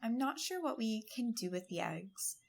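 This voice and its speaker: A woman's voice: on the high side, expressive, moderate pace, gravelly. A woman hosting a let's-play, giving chatty, giggly gameplay commentary and laughing often. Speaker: gaming channel host.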